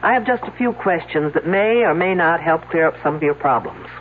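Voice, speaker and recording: An actress playing a sharp-tongued woman detective with a dry, sarcastic way of talking. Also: low voice, expressive, fairly quick, slight background noise. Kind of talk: 1970s radio drama acting. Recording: tinny old radio broadcast.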